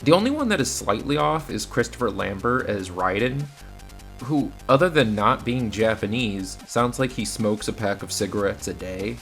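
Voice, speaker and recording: Animated and at a normal speed, a low, gravelly, somewhat bright male voice delivers a scripted film review. The host is casual, wry and opinionated, and faint background music plays under the voice-over.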